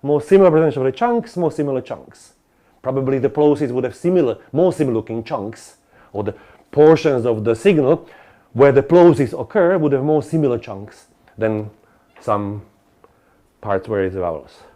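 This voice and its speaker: Male lecturer, rambling delivery, frequent restarts and asides to the room, mid-range pitch. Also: expressive, normal speed, mellow. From Slovakia. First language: Slovak. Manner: discursive, many restarts and asides to the audience. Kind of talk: academic lecture.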